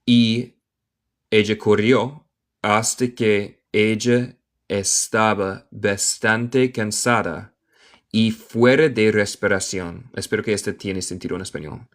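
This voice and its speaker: Man, American accent from Michigan, native English speaker, slow read-aloud English lesson, word-by-word reading, somewhat low voice, extremely slow pace. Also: steady tone. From United States. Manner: reads English word by word very slowly, then explains in Spanish, answers chat. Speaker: English teacher, live streamer.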